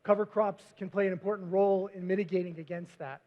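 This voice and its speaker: High-voiced man giving a talk. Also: steady tone. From United States. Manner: self-described fast talker, frequent fillers. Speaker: visiting cover crop researcher. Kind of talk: conference presentation with slides. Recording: dull lo-fi recording.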